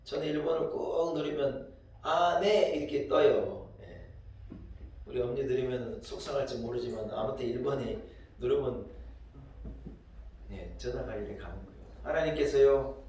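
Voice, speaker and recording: A male pastor preaching a sermon with emphatic, rising delivery that swells into loud exclamations, recorded in a church. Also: medium pitch, normal speed, distant mic, slight background noise. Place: church sanctuary. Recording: very echoey hall, voice from afar.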